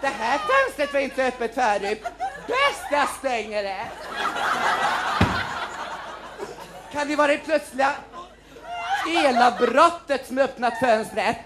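A man's voice: extremely high pitch, big pitch swings, a loud crowd. A man on stage voicing a dim-witted teenage girl alone in a horror film house, in an exaggerated parody. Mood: dimwitted. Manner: exaggerated horror-movie parody, slow dumb pondering. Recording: noisy old TV tape, live audience laughing.

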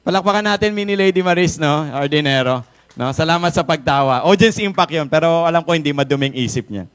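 A man with a Filipino accent giving an energetic, jokey product talk to a live audience, often asking the crowd questions. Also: on the high side, quick pace, clean tone. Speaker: product seminar speaker. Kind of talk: lively sales pitch to a live audience. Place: event room with a live audience.

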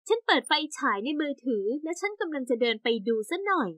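A young woman narrating an animated story in the first person with lively, exaggerated storytelling. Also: high-pitched, fast, no echo, studio quality.

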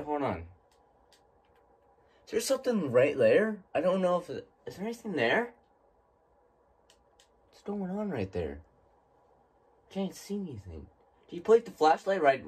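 A man's voice: on the high side, a little mellow, breathy edge, recorded from a distance. A man streaming a horror game, nervously commenting and talking back to the screen as he plays. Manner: jumpy, nervous, talks to the game, dares it to scare him. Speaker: gaming streamer.

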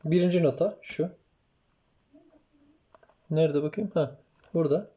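Warm in tone and a little high, this man keeps a measured pace while teaching kemenche. He counts beats aloud, sings the note names, and talks straight to his students, checking in with "okay?".

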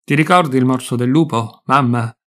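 A man's voice: medium pitch, moderate pace, close to an everyday voice. A man reading a terse, weary firefighter. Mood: subdued. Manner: quiet, terse, subdued.

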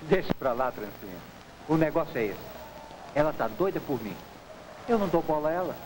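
An actor playing a breezy young charmer with a Brazilian accent in 1950s film dialogue. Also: male voice, a little high, lively intonation, a little fast, natural voice. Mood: cocky, teasing. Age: young adult. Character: cocky, teasing young charmer, a breezy malandro. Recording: noisy old film soundtrack.

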